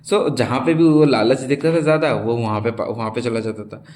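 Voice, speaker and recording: A young man teaching a political science exam-prep lesson, stretching out each quiz question as he reads it and then explaining quickly, often checking that his students follow. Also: mid-range voice, darkish tone. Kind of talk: exam-prep lesson in mixed Hindi and English.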